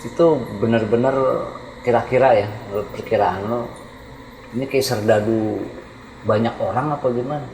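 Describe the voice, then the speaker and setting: A man, a co-host who probes with slow follow-up questions in a casual chat. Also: fairly low pitch, steady tone, darkish tone, a little hiss or hum. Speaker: podcast co-host. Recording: roomy echo, music bed.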